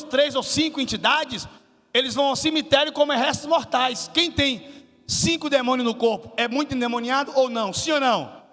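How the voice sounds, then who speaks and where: A man from Salvador preaching a sermon as guest pastor, questioning the congregation and rising to shouted peaks. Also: very high voice. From Salvador, Brazil. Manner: asks the congregation questions, builds to shouted climaxes. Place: church hall. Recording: long hall reverb with faint music.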